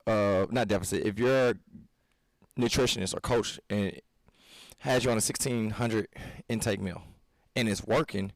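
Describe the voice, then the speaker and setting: In a casual podcast chat, a man in his thirties who coaches fitness and co-hosts the show speaks earnestly, sermonizing, wandering and restarting sentences. His voice is lowish at a moderate pace, with no echo.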